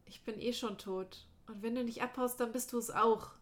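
A weak, wounded young mage, as a woman reads him. He speaks softly and calmly, resigned, his voice faint and low in a spoken audiobook. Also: normal speed, natural voice. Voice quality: weak, soft voice. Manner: quiet, calm and resigned. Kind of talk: audiobook dialogue.

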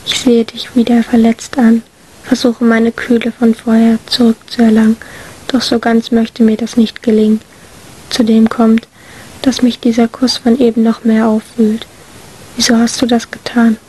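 A woman tells an emotional story in first person as whispered role-play. Her hushed, breathy voice sits a little high and moves very little in pitch. A faint hiss lies under the recording. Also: monotone, a little slow. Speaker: narrator.

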